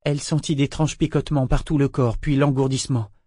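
A man narrating a fantasy novel in a steady, measured way. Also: mid-range voice, no room sound, studio quality. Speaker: audiobook narrator. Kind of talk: dramatic audiobook narration.

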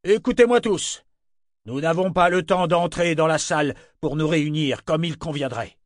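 A flustered middle-aged merchant, voiced by a man reading an audiobook, barks urgent commands in a raised, strained voice. He sounds alarmed and bossy, pushing his words out loud. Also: fairly high pitch, normal speed, no room sound, studio quality, pitched above the performer's own voice, close to an everyday voice. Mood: urgent shouting. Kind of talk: audiobook character voice.

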